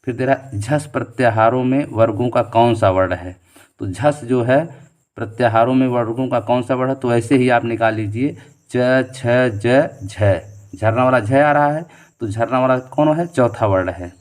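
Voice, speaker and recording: A man's voice: medium pitch, moderate pace. A male teacher running an exam-prep quiz lesson, reading each question and its options aloud, then reasoning his way to the answer and repeating key answers back as a drill, with many fillers and memory tricks along the way. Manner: frequent fillers like "theek hai" and "jo hai"; gives memory tricks and shortcuts.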